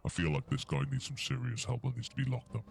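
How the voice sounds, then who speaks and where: A man interviewed anonymously in a mock news segment, his voice disguised to sound deep and gravelly, speaking with over-the-top indignant outrage. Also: big pitch swings, fast, background noise.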